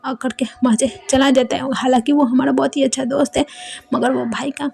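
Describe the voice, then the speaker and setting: A woman's voice: high-pitched, a little fast, creaky, faint music behind. A woman voicing a mischievous eighteen-year-old little sister who pleads and teases in a storybook retelling. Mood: cheeky. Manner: excited, pleading and cheeky. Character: mischievous teenage girl, cheeky little sister.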